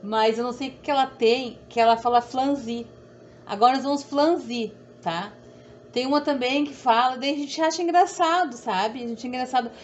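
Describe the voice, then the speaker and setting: A woman's voice: high voice, fairly quick. Woman, middle-aged, southern Brazilian accent, sewing teacher, chatty and repetitive, dull audio, faint hum. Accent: southern Brazilian Portuguese. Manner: rambling, repetitive, self-deprecating. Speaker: sewing instructor.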